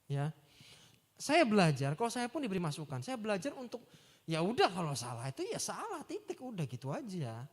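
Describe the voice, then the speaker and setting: A man giving a lively youth sermon, chatty and acting out the quotes he tells. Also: high-pitched, brisk, husky. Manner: animated, chatty, acts out quotes. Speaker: youth preacher. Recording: long church reverb.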